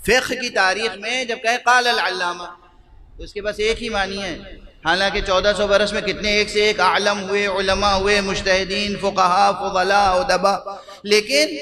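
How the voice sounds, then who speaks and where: A middle-aged Shia cleric delivers a majlis sermon in a high, fairly even voice while a crowd can be heard behind him. He repeats phrases for emphasis, puts rhetorical questions to his listeners, and slows down to stress certain words.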